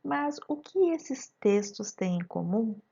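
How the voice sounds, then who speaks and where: A woman with a Brazilian Portuguese accent narrates a recorded lesson slowly, her slightly high voice gravelly, mellow, and husky with big pitch swings. She is didactic and addresses her students directly with questions, over a dull, lo-fi voice-over recording.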